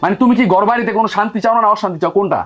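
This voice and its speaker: A man's voice: high-pitched, racing, a bit bright, soft background music. An actor playing a hot-tempered elder son who scolds his mother. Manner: scolding, quarrelsome. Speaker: elder son in a family drama. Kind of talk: television drama acting.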